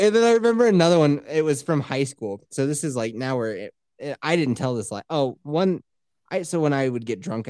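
A woman's voice: very deep voice, a little mellow, no echo, studio quality. A woman telling a funny story in a casual chat, mocking herself and laughing often.

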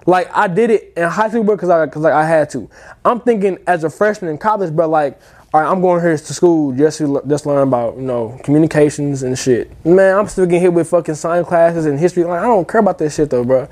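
A man's voice: fairly high pitch, a little fast, darkish tone. A man in his twenties from the United States chatting casually, slangy, profane, emphatic and repetitive. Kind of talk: casual profane group chat.

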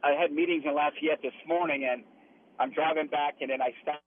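A liquor brand representative joins a radio show by phone for a casual interview, talking from inside a moving truck cab. His voice is a little high, steady in tone and fairly quick, carried over a tinny line with clear noise and the rumble of the cab behind him.

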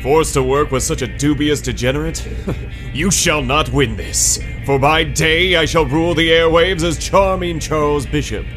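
An actor playing a pompous, theatrical would-be radio star in a game, with grandiose, overly dramatic delivery. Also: male voice, a little high, moderate pace, lightly acted. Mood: haughty, heroic. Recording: music behind the voice.

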